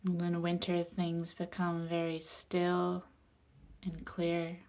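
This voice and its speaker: Her voice is soft and lowish as she calmly talks listeners through a meditation without rushing. Breathiness creeps in whenever a phrase winds down.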